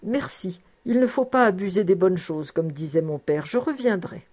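A woman's voice: on the low side, expressive, moderate pace, a little mellow, husky. A woman reading aloud, voicing a cheerful, teasing man who loves food and drink. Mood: polite. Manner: joking, cheerful.

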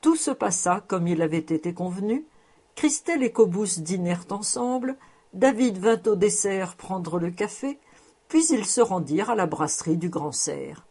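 A woman narrating a novel aloud in a measured, even storytelling manner. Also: mid-range voice, husky. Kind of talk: audiobook narration.

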